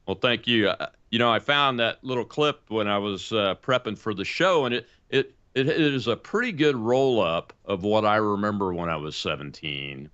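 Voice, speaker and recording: A man's voice: lowish voice, moderate pace, few pauses, a bit bright, clear, resonant tone, dull audio. A man in his sixties hosting a political talk show, speaking emphatically with frequent fillers and restarts. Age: 60s.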